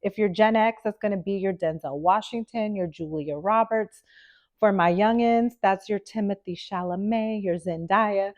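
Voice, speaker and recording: A nutritionist recording a direct-to-camera health vlog speaks at a moderate pace in a mid-range voice, though the audio sounds dull. Upbeat and chatty, she has a nasal tone from a cold and keeps asking "okay?".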